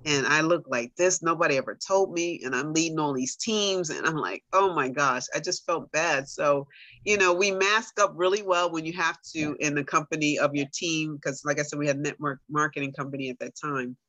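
A woman guest on a podcast telling a personal story with animated, dramatic delivery. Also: low-pitched, a little fast, no echo. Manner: animated, dramatic voices for herself in quotes.

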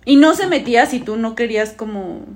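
A young woman, telling a school story in animated casual chat, often laughing and mimicking voices. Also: a little high, a little fast.

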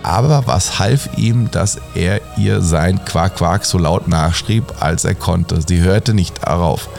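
A man calmly reading a fairy tale aloud as a bedtime story. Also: deep voice, takes it slowly, gravelly, soft background music. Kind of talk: storybook narration.

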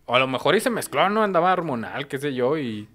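A man's voice: fairly high pitch, quick pace. Slangy Mexican man telling a story. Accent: Mexican Spanish. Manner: animated, slangy, laughs while telling. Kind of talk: casual storytelling chat.

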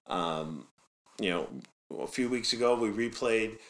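A man hosts a casual football coaching podcast. His voice sits on the low side. He talks in a jokey, opinionated way and holds firm on his views. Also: measured pace.

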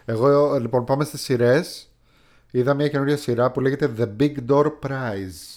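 A man with a mid-range, slightly mellow voice co-hosts a podcast in casual chat. He tells stories in a rambling way, packed with fillers.

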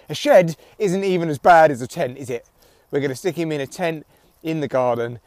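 A man's voice: medium pitch, darkish tone, no room sound. British man rambling into a headphone mic. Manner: sweary, wry. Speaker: podcast host and comedian. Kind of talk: casual solo chat, rambling audio diary. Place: outdoors, walking in the evening. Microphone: headphone mic near the neck. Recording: headphones used as mic, close at neck.

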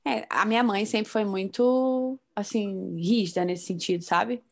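A woman in her thirties from Brazil speaks in a calm, measured way during a casual chat. Her voice has a middle pitch, and she stays reflective and steady as she talks. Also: vocal fry. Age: 30s.

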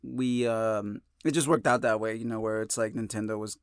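A man's voice: fairly low pitch, fairly even intonation, normal speed, smooth, no room sound, clean studio sound. Rambling young man hosting a podcast. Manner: rambling, filler-heavy. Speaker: podcast co-host. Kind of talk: casual chat.

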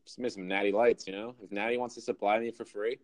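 A man's voice: on the low side, steady tone, fast talker, darkish tone, dry recording. A North American man talking like a frat bro, crude and slangy, in casual sports chat as a podcast co-host.

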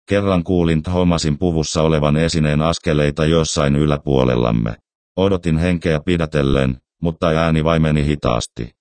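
A man with an extremely deep, low voice narrates a horror story. His reading is steady, measured and somber, and the sound is close and dry with no room around it. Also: no room sound.

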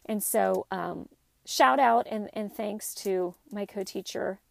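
A woman's voice: mid-range voice, takes it slowly, vocal fry, no room sound. A middle-aged woman hosting her own podcast, talking casually and rambling with frequent restarts and fillers. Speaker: podcast host; teacher. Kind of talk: casual solo podcast talk.

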